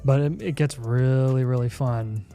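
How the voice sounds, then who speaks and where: A man's voice: medium pitch, unhurried, mellow, soft background music. A man co-hosting a casual livestream, laid-back with brief dry remarks. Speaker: livestream co-host.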